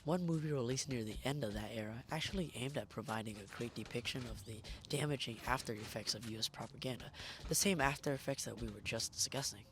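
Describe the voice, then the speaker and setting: Hoarse man, voice giving out. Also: medium pitch, fast, fairly bright tone, slight background noise. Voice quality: strained, worn voice giving out. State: hoarse, losing his voice. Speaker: video essay narrator. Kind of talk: scripted narration. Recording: music behind the voice. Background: background music.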